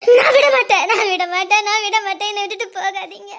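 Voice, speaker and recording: Woman as heartbroken young woman, sobbing and begging; very high, thin voice. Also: little pitch movement, fast talker, bright, forceful tone, full character voice. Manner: sobbing, begging, repeating herself. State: crying. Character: heartbroken young woman clinging to her departing lover. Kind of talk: Tamil web drama voice acting.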